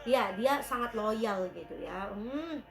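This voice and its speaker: A woman's voice: on the high side, expressive, slow pace, creaky. Chatty woman reviewing dramas. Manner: chatty, calls herself by name, mixes English phrases. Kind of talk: casual drama review chat. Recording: roomy with soft background music.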